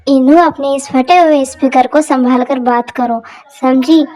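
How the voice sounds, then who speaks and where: A protective young husband in a fan dub drama, hot-headed and stern, warning off anyone who threatens his wife, as a woman voices him. The voice stays fairly high for a man. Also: fairly even intonation, a little slow, warm tone. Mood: angry.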